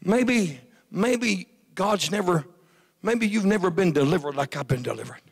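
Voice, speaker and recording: A man preaching at a revival, fervent and often shouting, with a stutter and sudden quieter passages. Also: sits high, expressive, moderate pace, vocal fry, slightly rough.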